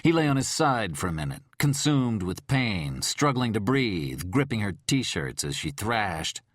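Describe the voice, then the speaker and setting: A man narrating an audiobook thriller in a measured, dramatic storytelling manner. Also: lowish voice, sing-song, no echo, clean studio sound.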